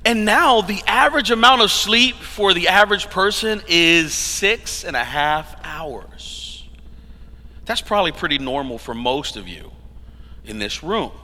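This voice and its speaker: A man's voice: high voice, lively intonation, a little slow, pushed and bright. A pastor preaching a sermon to his congregation in a church hall, earnest and emphatic, his voice often rising and dropping in volume. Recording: long hall reverb.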